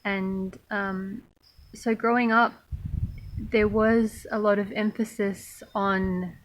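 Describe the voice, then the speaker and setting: A woman raised in Australia, talking thoughtfully to camera about her spiritual path, pausing often with fillers. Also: medium pitch, level tone, poor audio. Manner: slow, thoughtful, many pauses and fillers. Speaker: spiritual monastic vlogger. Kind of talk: reflective personal talk to camera.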